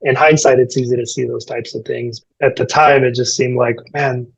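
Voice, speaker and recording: A man's voice: mid-range voice, fairly even intonation, fairly quick, gravelly, slightly rough, no room sound, dull audio. A man in his thirties from El Paso, Texas, a firefighter guest on a podcast, telling candid, self-deprecating stories and explaining how things work step by step. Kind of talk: podcast interview storytelling.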